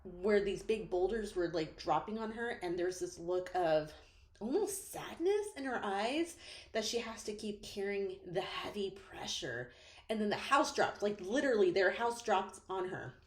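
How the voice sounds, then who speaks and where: A woman therapist reflecting on a film character in a thoughtful, gently questioning way, with lots of casual fillers. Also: mid-range voice, animated, a little slow. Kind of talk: reflective solo talk to camera. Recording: roomy echo.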